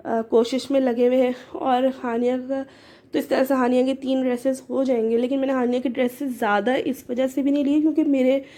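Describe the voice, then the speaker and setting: A young woman, hoarse and short of breath from a cold, chatting in a casual vlog as she shows things one by one. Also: sits high, mellow. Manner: chatty, explaining items one by one. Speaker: vlogger. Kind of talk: casual show-and-tell vlog.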